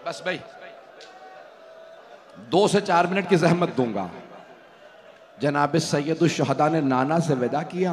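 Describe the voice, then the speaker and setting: A male cleric delivering a mourning sermon in an impassioned, half-chanted style that climbs into shouts. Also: fairly high pitch, big-room sound. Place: religious hall gathering.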